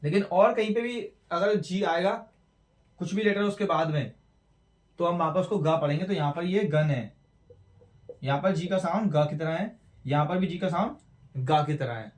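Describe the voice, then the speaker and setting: A man teaching English letter sounds, slowly repeating words as drills. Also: fairly high pitch, distant mic. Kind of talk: classroom lesson explaining at a board. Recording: roomy echo, mic away from speaker.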